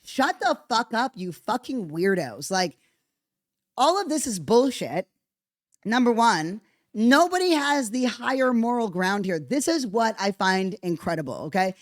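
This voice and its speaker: A podcast host talking casually and bluntly, reacting to a played clip with frequent swearing. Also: female voice, fairly high pitch, measured pace, no echo, studio quality. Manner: blunt, profane, animated. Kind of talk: casual commentary on played clips.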